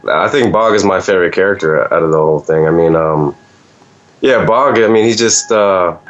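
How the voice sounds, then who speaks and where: A man's voice: deep voice, fairly bright tone, highs cut off. A man, a voice actor, chatting casually in an interview, laid-back and rambling with lots of fillers. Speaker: voice actor, guest.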